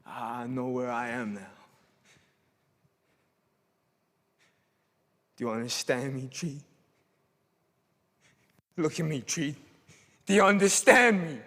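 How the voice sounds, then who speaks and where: Young man doing a stammering sheltered man, defiant, high voice, reverberant hall. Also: lively intonation, measured pace, long pauses, a bit bright. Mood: quietly resolute. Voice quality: stammering, repeats words. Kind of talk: stage monologue.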